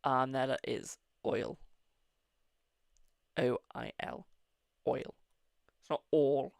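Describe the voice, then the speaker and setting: An English tarot reader with a posh accent hosts a live stream, reading cards and chatting casually, swearing freely and calling viewers "my darling". Her medium-pitched voice is gravelly and extremely slow. The recording is dry and studio quality.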